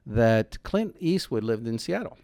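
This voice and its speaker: A man's voice: medium pitch, very animated, measured pace, mellow. A man telling an enthusiastic story in casual conversation. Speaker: guest.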